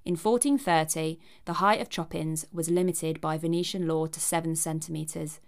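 A woman reads a scripted narration in a low voice. There is a noticeable creak in her tone. Her delivery is wry and cheeky, with conversational asides to the listener. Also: fairly even intonation, normal speed.

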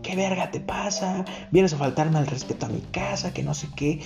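A man doing a furious young woman yelling. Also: low-pitched, moderate pace, creaky, faint music behind, pitched above the performer's own voice. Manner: shouting insults.

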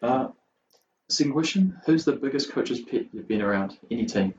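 A man's voice: medium pitch, expressive, normal speed. A man with a New Zealand accent interviewing as a podcast host in casual, slangy, hesitant phrasing. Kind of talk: casual chat. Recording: dull, distant mic with faint noise.

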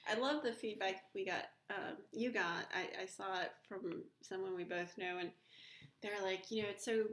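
A woman's voice: medium pitch, steady tone, a little slow, fairly bright tone. A woman podcast host chatting casually, laughing often and trailing off into restarts. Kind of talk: casual chat. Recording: echoey room, faint noise.

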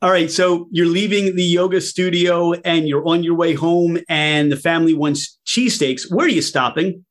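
A man's voice: on the high side, normal speed, few pauses. A man hosting a casual interview, asking playful questions in a joking way. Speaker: interview host.

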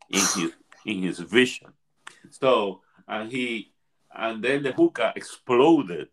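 A man's voice: on the low side, fairly bright tone. A man who works as an ayahuasca facilitator, retelling a participant's experience in a podcast chat, often repeating words and restarting phrases.

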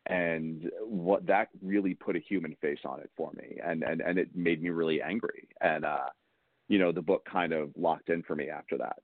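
A man's voice: low-pitched, normal speed, no room sound. A man in his thirties, an author, chatting in a rambling, casual way, heard over a phone-like call line. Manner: rambling, chatty, self-correcting. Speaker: crime fiction author, interview guest. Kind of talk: casual interview chat. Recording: dry, tinny phone-like call audio.

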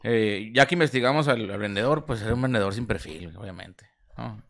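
A man's voice: on the low side, a little fast, a crowd in the background. A man with a Mexican accent hosting a podcast, telling a long story in a rambling, slang-heavy way with many restarts. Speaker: podcast host. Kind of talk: casual storytelling chat.

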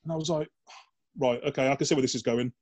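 Speaking fast, a man who served as a soldier swaps anecdotes in an easygoing interview, full of "like" and swearing in a chatty, blokey way, and performs the dialogue he quotes. His voice is medium-pitched with a darkish tone and fairly even intonation.

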